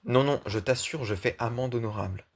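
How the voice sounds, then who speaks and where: A man's voice: mid-range voice, fairly quick, natural voice. A man voicing an irritable, blunt middle-aged man in an audiobook reading of a play, talking in a brooding, argumentative way. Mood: prickly.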